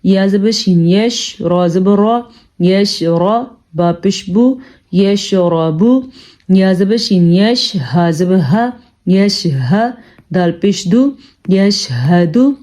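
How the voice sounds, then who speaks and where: A woman teaching Quranic reading rules, explaining briskly and then spelling out syllables slowly and deliberately. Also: medium pitch. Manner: calm instructive tone, addresses listeners as "janab". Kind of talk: tajweed lesson, spelling out syllables.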